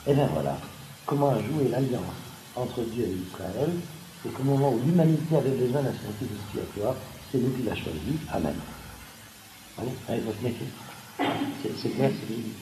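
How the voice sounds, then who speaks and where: Animated man lecturing in an echoey room. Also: medium pitch, normal speed. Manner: animated, frequent "hein?" asides and restarts. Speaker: seminar lecturer. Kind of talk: lively seminar lecture. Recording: echoey room with background noise.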